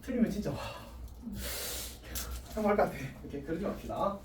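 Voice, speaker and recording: Male high school math teacher, casual and self-deprecating, faint hiss, distant mic. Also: a little fast, roomy sound. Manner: chatty, self-mocking, asks the class constant check questions. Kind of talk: casual classroom lecture. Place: classroom with students.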